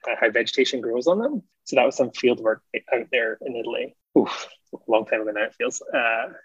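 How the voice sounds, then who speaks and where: Brisk and expressive, this man's medium-pitched voice has a fairly bright, slightly rough tone. He's a thirty-something ecologist from Scotland with a mild mixed Scottish accent, laughing frequently as a relaxed interview guest. The recording is dry, dull, and lo-fi.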